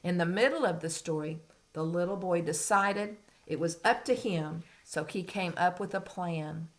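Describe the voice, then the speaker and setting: A woman reading a picture book aloud as if to a toddler, with simple questions and expressive, teacherly storytelling. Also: fairly low pitch, normal speed. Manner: simple child-directed talk, as if reading to a toddler; expressive storytelling, dropping to hushed asides.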